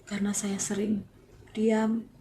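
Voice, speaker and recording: A married woman gives a personal faith testimony, speaking slowly in short, halting phrases. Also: medium pitch, monotone, dark tone, a little hiss or hum. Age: adult, married with family. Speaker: church member giving testimony.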